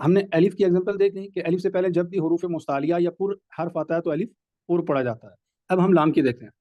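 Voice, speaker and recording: High-voiced patient tajweed teacher, man. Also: dry recording, highs cut off. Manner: patient, repeats rules and examples slowly. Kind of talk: live online class lesson. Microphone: video call.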